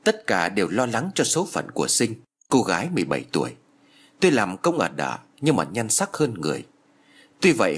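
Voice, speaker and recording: A man narrating a dramatic story in a suspenseful, expressive way. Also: lowish voice, breathy edge.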